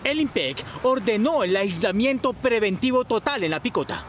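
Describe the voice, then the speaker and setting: A man reporting a television news story, reading a scripted voice-over in a steady, informative way. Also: high voice, moderate pace, noisy background.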